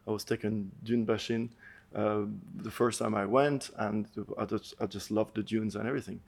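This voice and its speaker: A French endurance athlete, guest on a podcast, tells reflective stories in an interview. His voice is low and gravelly with a steady tone and moderate pace, and he sounds earnest and thoughtful, searching for words.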